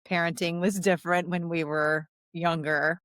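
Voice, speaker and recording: A woman hosting an interview podcast, affirming and enthusiastic toward her guest. Her voice is low for a woman. The sound is dry and close to the mic. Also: flat delivery, moderate pace, fairly bright tone, no room sound. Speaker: podcast host and coach. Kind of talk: conversational interview.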